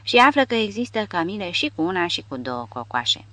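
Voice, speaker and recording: A woman's voice: lowish voice, very animated, bright, forceful tone, no room sound. Woman reading a scornful old legionnaire. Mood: cool. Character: worldly male legionnaire, scornful but calm.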